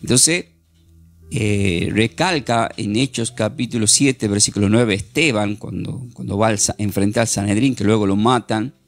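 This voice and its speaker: A man's voice: fairly low pitch, moderate pace, no room sound, soft background music. A man teaching a Bible class, earnestly reading scripture aloud with emphasis.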